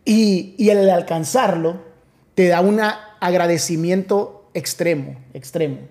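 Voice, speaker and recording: A man's voice: sits high, unhurried, dark tone. A man in his forties, a pastor invited as guest, affirming often and recounting events at length in a casual interview.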